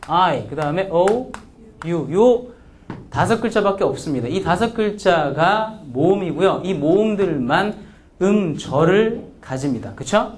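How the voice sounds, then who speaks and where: A man lectures on English grammar with a high voice that leaps up and down. He keeps asking the class questions and sounds out example words syllable by syllable. He slides between casual and polite speech. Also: slight background noise. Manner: lively, asks students frequent questions; acts out pronunciations.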